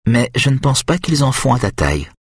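A male audiobook reader voicing a composed young woman archaeologist, his pitch gently raised and his delivery soft-spoken. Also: sing-song, fairly quick, slightly rough, no echo, studio quality. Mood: wry. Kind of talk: audiobook reading.

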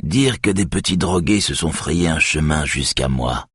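A man voicing a sly, capricious older male former TV host with a raspy, mocking way of talking. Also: extremely low pitch, animated, measured pace, fairly bright tone, no echo, studio quality, full character voice. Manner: taunting, mocking.

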